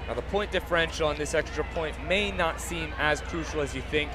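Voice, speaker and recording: Male play-by-play announcer, quick and chatty, slightly high voice, booth mic. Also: a crowd in the background. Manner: chatty, playful, fond of flowery metaphors. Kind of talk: live high school football commentary.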